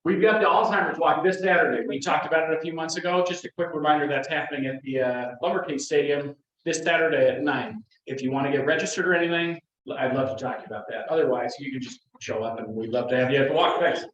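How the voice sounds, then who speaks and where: A man giving a brisk, upbeat reminder at a club meeting. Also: fairly high pitch, fairly bright tone. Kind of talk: quick announcement. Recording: very echoey, dull hall sound.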